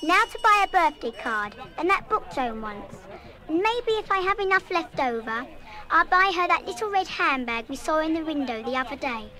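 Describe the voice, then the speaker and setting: A woman's voice: high-pitched, lively intonation, moderate pace, sharp tone. An actress playing an impulsive, good-hearted schoolgirl of about eleven in a children's radio play, with an eager, emphatic delivery. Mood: excited, musing. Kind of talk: 1970s full-cast children's radio play acting.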